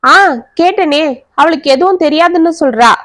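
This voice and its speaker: An anxious young husband who keeps pleading for answers about his missing mother, as a woman storyteller puts him on. The voice stays high and close, recorded dry with no room sound. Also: normal speed, a bit bright, no echo. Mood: firm. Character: worried young married man, son searching for mother.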